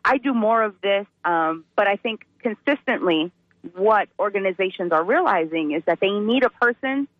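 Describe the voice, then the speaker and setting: A woman guest speaks over a clipped phone line, her voice dull and dry. She talks thoughtfully, often hedging with small fillers. Her pitch sits in the middle range. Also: lively intonation, normal speed, no echo. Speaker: guest, social worker.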